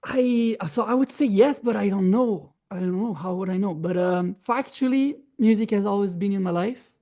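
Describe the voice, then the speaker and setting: A man's voice: high voice, normal speed, mellow. A young man from Belgium, a musician guest, talking casually in with many fillers and restarts. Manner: hesitant, many restarts and fillers, non-native phrasing. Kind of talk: casual interview chat.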